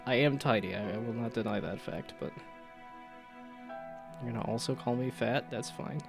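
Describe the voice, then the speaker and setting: A man's voice: mid-range voice, moderate pace, vocal fry, soft background music. A man doing casual, rambling game commentary as a streamer, jokey and thinking aloud.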